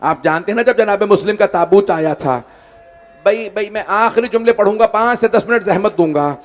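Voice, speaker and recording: A man with a very high, piercing voice recites a mourning sermon to a gathering. His delivery is impassioned, and he swells into wailing cries as the story of grief unfolds. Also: normal speed. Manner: impassioned, building to wailing shouts. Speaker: majlis orator.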